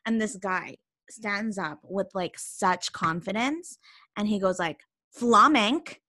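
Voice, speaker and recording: A young woman co-hosting a casual podcast chat, telling animated teaching stories and saying "like" a lot. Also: mid-range voice, slow pace. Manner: animated storyteller, heavy use of "like". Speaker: podcast co-host, English language assistant.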